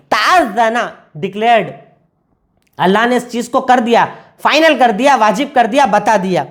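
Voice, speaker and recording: A woman teaching a Quran commentary lesson, explaining word by word with English glosses and repeating points in steady lists. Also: on the high side.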